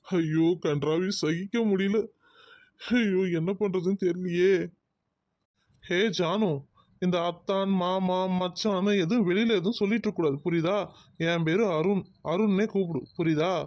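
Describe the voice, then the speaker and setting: In a Tamil cartoon, a man voices an exasperated, ambitious young man who sighs and tries to dodge a marriage he doesn't want. His voice is high-pitched and steady at a normal speed, close to everyday speech, with dull audio and no echo.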